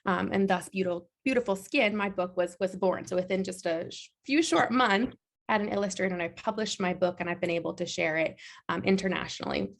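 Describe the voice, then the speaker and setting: A woman's voice: mid-range voice, a little fast, creaky. A woman who writes children's books, moderating a panel and inviting the other authors to speak.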